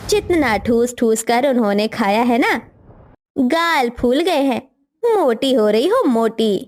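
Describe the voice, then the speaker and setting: A stern mother-in-law from a cartoon story, played by a woman. Her high voice is dropped a little and slowed to a commanding, scolding pace. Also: expressive, a little mellow.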